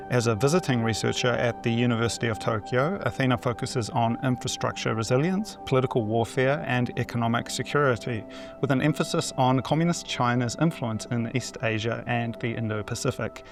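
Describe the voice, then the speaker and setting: A man hosting a podcast, introducing his guest and chatting in a halting, conversational way. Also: medium pitch. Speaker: podcast host. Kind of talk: interview conversation.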